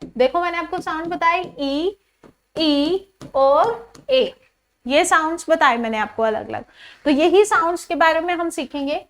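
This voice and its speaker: Very high-voiced woman teaching vowels. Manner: repetitive, drawn-out example sounds and questions to pupils. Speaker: English teacher. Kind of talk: classroom pronunciation lesson.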